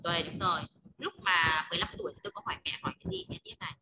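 Lively fast-talking woman teacher. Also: fairly low pitch, noisy background. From Vietnam. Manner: prompting and correcting students. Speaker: Chinese teacher. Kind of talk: online exam-prep lesson. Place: online class.

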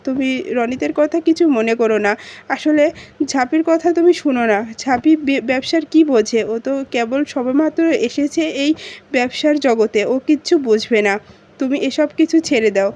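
High-voiced woman retelling a drama. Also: normal speed, a little mellow. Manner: retells every character's lines in her own voice. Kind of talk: casual narration with quoted dialogue. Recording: dull lo-fi recording.

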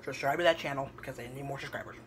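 A young man talking casually in a home kitchen vlog, rambling with many pauses and ums. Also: mid-range voice, fairly even intonation, fairly bright tone, slight background noise, low-quality recording. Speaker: vlogger. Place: home kitchen at night, indoors. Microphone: camera on the counter.

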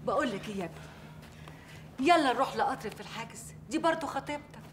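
A doting Egyptian mother fretting over her son, played by a woman. She speaks fast in a high voice, coaxing and fussing. Noise is clearly heard behind her. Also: lively intonation, natural voice. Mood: fretful. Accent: Egyptian Arabic. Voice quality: coaxing, fretful. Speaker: actor in a TV comedy series.

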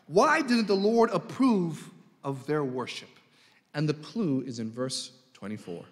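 A high-voiced male preacher delivering a sermon with a very lively, swooping delivery. His voice climbs sharply whenever he voices a quoted line. The church hall gives it a long, lingering reverb. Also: a little slow. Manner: animated, emphatic, rising sharply on quoted lines.

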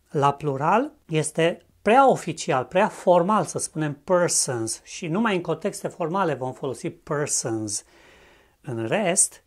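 A teacher from Romania giving a scripted grammar lesson, explaining clearly and methodically and repeating each English example slowly with its translation. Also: medium pitch.

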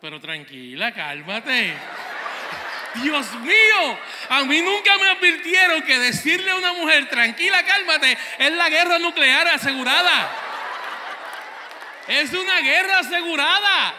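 A man doing a stand-up comedy routine, with animated, self-mocking storytelling. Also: extremely high pitch, unhurried, big-room sound, a crowd in the background, background noise.

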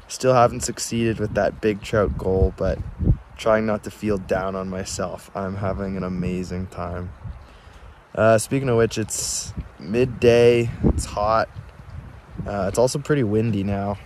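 Low-voiced young man fishing from a canoe. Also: a little slow, background noise. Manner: easygoing, laughs often, excited exclamations when fish bite. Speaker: angler vlogger. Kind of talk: casual outdoor vlog narration. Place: canoe on an open lake outdoors.

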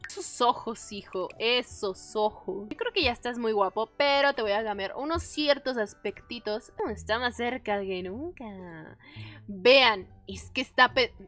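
A woman's voice: a little high, a little slow, faint music behind. A woman giving casual, dramatic and jokey commentary while playing a life-simulation video game. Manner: animated, dramatic, jokey, playful outbursts. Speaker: gaming youtuber. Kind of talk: casual let's-play commentary.

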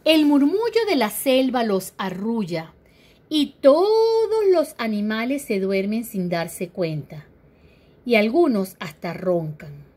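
A woman reading a picture book aloud to children, lively and asking her young listeners questions. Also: fairly high pitch, slow pace. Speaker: storyteller for children.

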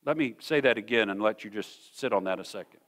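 A middle-aged man preaching a sermon in a church, emphatic and earnest, repeating words as he builds a point. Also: on the low side. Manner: slows to a soft, measured pace for scripture reading. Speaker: senior pastor. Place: church sanctuary.

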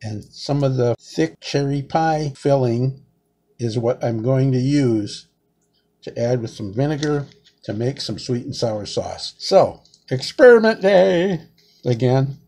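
This sixty-something home cooking vlogger speaks slowly, in a dark mid-range voice with lively intonation, as he peels shrimp and rambles through a casual kitchen demo, frequently saying "man." A camera set close on a table records him.

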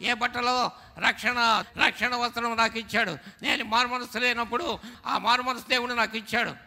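A pastor with a very high, pushed and bright voice preaches at a normal speed with fairly even intonation, using call-and-response to get the congregation answering back. He's in a church sanctuary, recorded in a hall with long reverb.

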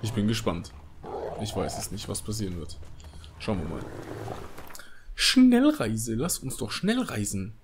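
A man's voice: on the low side, big pitch swings, unhurried, pauses often. A man giving casual, slangy commentary while playing a video game, reacting as he goes. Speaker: let's player. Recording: faint game noise underneath.

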